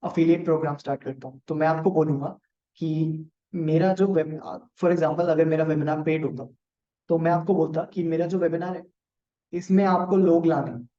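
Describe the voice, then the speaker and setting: Talking quickly on purpose, an Indian-accented man runs a live online marketing lesson, going through examples and checking on how his students are doing. He has a fairly high pitch but a dark tone, heard through echoey, dull lo-fi audio.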